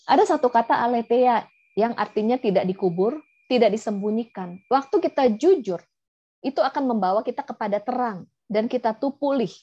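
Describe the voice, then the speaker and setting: Woman pastor and counselor, conversational sermon, mellow tone, slightly muffled video call sound. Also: on the high side. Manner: chatty, explains with acted everyday examples. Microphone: video call microphone.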